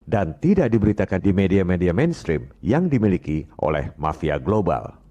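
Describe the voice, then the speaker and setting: A man's voice: low voice, big pitch swings, moderate pace, dark tone, highs cut off. A man narrating scripted voice-over commentary in an assertive way, asking rhetorical questions.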